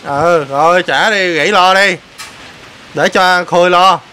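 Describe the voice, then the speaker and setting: A man's voice: high-pitched, slow pace, bright, forceful tone, slight background noise, low-quality recording. A man hosting a vlog, teasing and prodding someone with repeated questions. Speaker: vlog host. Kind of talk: teasing casual chat on camera.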